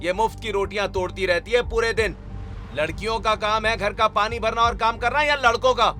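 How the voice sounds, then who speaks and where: A man's voice: high voice, fairly even intonation, brisk, soft background music. Man voicing a drunk bullying brother. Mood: angry shouting. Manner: shouting, abusive, demanding. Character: drunk bullying young adult brother, bad-tempered.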